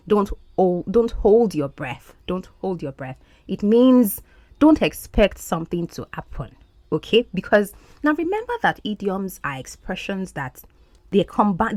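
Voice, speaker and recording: Woman English teacher, lowish voice with lively pitch, dry close sound, explains patiently. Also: dry recording. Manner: explains slowly, often asks "okay?". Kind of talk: podcast English lesson.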